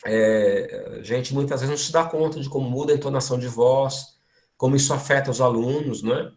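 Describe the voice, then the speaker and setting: A man from Brazil giving an online academic lecture, lively and full of fillers and restarts. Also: medium pitch, fairly quick, creaky. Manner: animated, many fillers and restarts.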